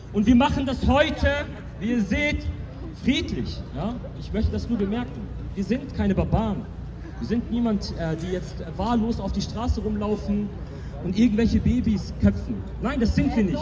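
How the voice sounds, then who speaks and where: A man speaks at a street rally in a very high, forceful voice, rising to shouts. His voice rings with a long echo, and a loud crowd fills the background. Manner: forceful, declaiming, shouts at the peaks. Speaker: protest speaker. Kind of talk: rally speech. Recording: reverberant outdoor sound amid crowd noise.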